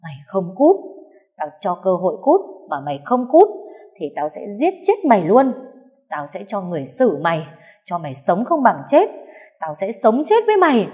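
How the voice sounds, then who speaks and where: A woman voicing an older rich matriarch who cries and screams threats in a shrill, raised voice. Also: huge pitch swings, normal speed, dark tone, big-room sound. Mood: furious.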